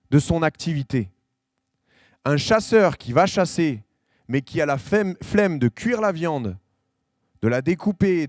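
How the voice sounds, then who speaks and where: A man preaching a sermon, talking to the congregation as tu and slowing to lean on each quoted verse. His voice sits on the high side for a man. The sound is dry and close, with little room echo. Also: a little mellow. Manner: conversational preaching, addresses listeners with tu, frequent restarts; slows and stresses scripture quotes. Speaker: pastor. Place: church hall.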